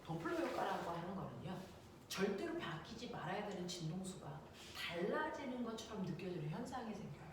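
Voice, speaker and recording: A woman's voice: medium pitch, a little fast. A woman teaching a science class who keeps checking in with her students. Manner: lively, checks in with students often. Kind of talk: classroom lecture. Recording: echoey room, distant mic, noisy.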